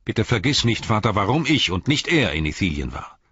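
A man reading an audiobook and voicing a calm, dutiful young captain reporting to his father in an earnest tone. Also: fairly low pitch, a little fast, slightly rough, no room sound, muffled recording, voice pushed up, exaggerated voice.

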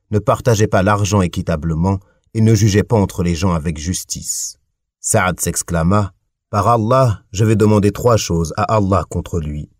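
A man with a deep, low-pitched voice reads a religious text in a calm, measured recitation. He adds formulaic honorifics after names. The sound is close and dry, with no room around it. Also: dry recording. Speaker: audiobook reader. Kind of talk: scripted reading of a religious text.

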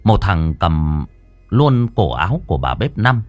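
A male storyteller narrating a ghost story in an expressive, unhurried way. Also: low voice, dry recording.

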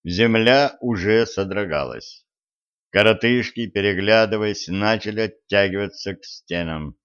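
Slow, low-voiced male audiobook narrator. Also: a bit bright, smooth. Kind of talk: scripted fantasy narration. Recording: muffled lo-fi recording.

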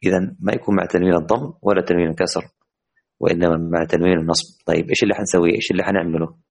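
A man with a very low, deep voice teaches an online Quran recitation lesson to women. He asks his students questions and praises their answers. When he recites examples, he slows down and draws out the words. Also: fairly even intonation, vocal fry, a little mellow. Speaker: tajweed teacher.

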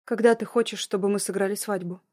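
A woman voicing a frightened young heroine, speaking in a strained, quiet way. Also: mid-range voice, fairly even intonation, fast talker, dry recording, clean studio sound, close to an everyday voice. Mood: tense.

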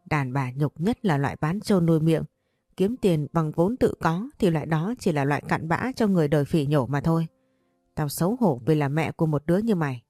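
A woman reads a sharp-tongued mother in a storybook, scolding and cutting, her voice a little low. The reading is close and dry, with faint music behind. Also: animated, fairly quick, dry recording. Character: harsh scolding middle-aged mother, market seller.

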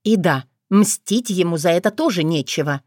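A woman's voice: lowish voice, expressive, moderate pace, a little mellow, no room sound, studio quality. A woman voicing a grown-up older sister in an audiobook, speaking in a teasing, blunt, lecturing way. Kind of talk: audiobook character voice.

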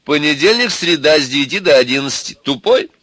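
A man's voice: on the high side, big pitch swings, brisk, a bit bright, slightly rough, pitched above the performer's own voice, exaggerated voice. A man voicing Milka, a young female receptionist who is flippant, giggly and pleading. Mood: playful.

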